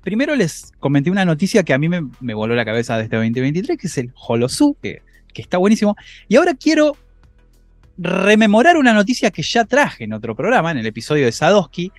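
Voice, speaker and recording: A man with an Argentine accent co-hosting a casual tech podcast, animated, his voice jumping up when excited. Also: sits high, fast talker, soft background music. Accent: Argentine Spanish. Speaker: podcast co-host.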